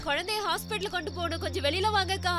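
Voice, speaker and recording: An anxious young mother who calls out urgently from outside the house. Her voice is very high, and loud music plays underneath. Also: quick pace. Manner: urgent, calling out.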